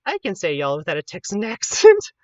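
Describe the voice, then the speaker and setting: A woman's voice: medium pitch, wildly swooping pitch, brisk, a little mellow, no echo, highs cut off. A woman with a Pittsburgh accent chatting casually and informally on a livestream, rambling as she teaches an informal class. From Pittsburgh, United States.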